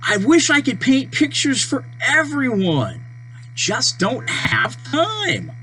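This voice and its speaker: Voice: high voice, takes it slowly, over music, pitched above the performer's own voice, exaggerated voice, rough recording. A storybook reader voicing a friendly, eager young cat boy in simple, enthusiastic lines. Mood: puzzled. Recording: steady mains hum behind voice.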